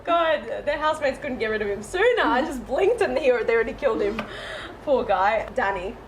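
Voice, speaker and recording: A woman in her twenties who grew up in Israel chats as a guest in a casual interview, laughing a lot. She was runner-up on a reality show, and her voice is fairly high, lively, and a bit quick.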